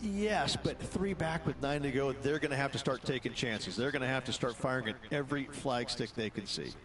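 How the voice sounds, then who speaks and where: A man's voice: mid-range voice, a little fast, distant mic, natural voice. A man voicing a folksy, keen golf analyst giving commentary in a video game.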